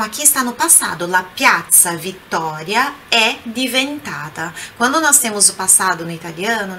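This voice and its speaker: A Brazilian woman teaches Italian in a bright, forward voice. She breaks words into sounds, repeats them patiently and urges the learner to try them. A faint hum sits behind her. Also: medium pitch. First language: Portuguese. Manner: explains pronunciation slowly, repeats words, coaxing asides. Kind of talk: language lesson.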